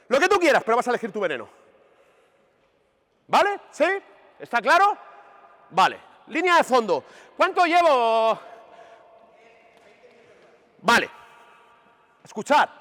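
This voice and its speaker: A man coaching basketball players on court, animated and emphatic, firing questions at them as he demonstrates. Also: very high-pitched. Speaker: basketball coach running a clinic. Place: large indoor sports hall. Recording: reverberant gym recorded from a distance.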